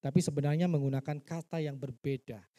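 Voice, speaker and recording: A man's voice: fairly high pitch, fairly even intonation, fairly quick, mellow, muffled recording. A male pastor preaching a sermon in church. He teaches by asking his listeners questions and acting out the quoted dialogue.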